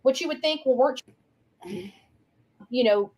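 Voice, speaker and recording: A woman with a high-sitting, slightly mellow voice speaks at a moderate pace. Her casual monologue is opinionated and rambling, with lots of repetition and frequent "you know" and "right."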